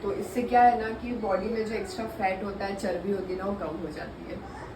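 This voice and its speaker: A woman's voice: mid-range voice, steady tone, fairly quick. Young woman, casual vlog chat, roomy echo, faint background hum. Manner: chatty, addresses viewers directly. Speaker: vlogger. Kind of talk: casual vlog talk to camera. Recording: echoey room, voice a bit far from the mic, faint background hum.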